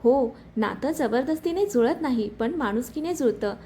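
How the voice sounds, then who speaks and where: Steady young husband in a storybook tale, woman reading him, bouncy high voice. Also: moderate pace, slight background noise. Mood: calm, firm. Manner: steady, reassuring. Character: calm, firm young husband.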